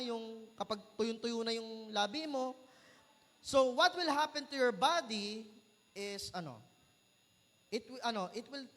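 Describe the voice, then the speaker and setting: A man's voice: very high-pitched, fairly bright tone. A man with a Filipino accent preaching a sermon, mixing Tagalog and English and asking the congregation questions in a playful, joking way. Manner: playful, jokes with the crowd. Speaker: pastor. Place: large church hall. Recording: long hall reverb.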